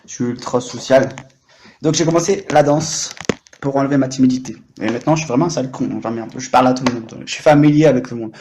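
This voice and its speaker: A man's voice: mid-range voice, quick pace, noisy background. A man in his late thirties chatting on an improvised livestream, very talkative, jumping between topics, teasing his viewers and joking about himself. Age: 30s. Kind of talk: casual improvised livestream chat. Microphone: microphone.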